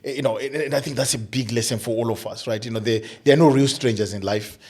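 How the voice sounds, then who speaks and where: A man's voice: medium pitch, a little mellow. A middle-aged man from Zimbabwe, a guest in an interview, speaking thoughtfully with many restarts and repeated fillers. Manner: thoughtful, halting, many restarts and "you know". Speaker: guest, diversity and inclusion coach. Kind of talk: conversational interview.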